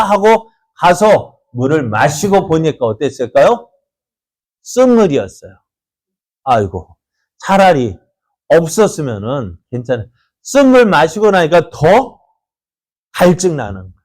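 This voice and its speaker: Male preacher, higher-pitched, quizzes the congregation and acts out the quotes; dry sound. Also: measured pace, no echo. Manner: animated preaching with rhetorical questions and acted-out quotes. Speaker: pastor. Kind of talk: sermon. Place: church.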